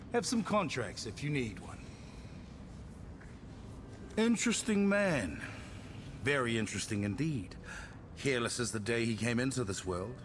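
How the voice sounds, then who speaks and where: An actor voicing a sly, gossipy travelling barber in a video game, theatrical and confiding in his smooth talk. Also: sits low. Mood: sly, welcoming. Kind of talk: video game character dialogue.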